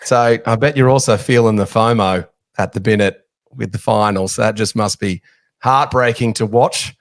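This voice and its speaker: A man with a lowish voice hosts a casual sports podcast, chatting and joking at his own expense. He talks at a normal speed, and there is no echo.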